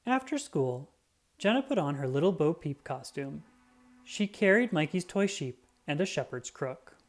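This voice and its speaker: This woman's low-sitting voice narrates a children's book unhurriedly, in a scripted and expressive read-aloud manner where she acts out each line of dialogue.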